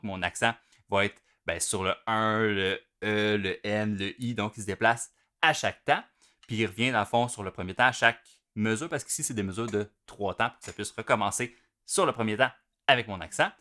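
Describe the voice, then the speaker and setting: A man, explaining drum rudiments in a relaxed, casual way with many fillers. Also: lowish voice. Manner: relaxed, talks through patterns with many fillers. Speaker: drum teacher.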